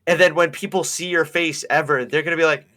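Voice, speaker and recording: A man's voice: a little high, steady tone, quick pace, sharp tone. A man chatting and joking animatedly as a podcast host, laughing often. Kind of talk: casual chat.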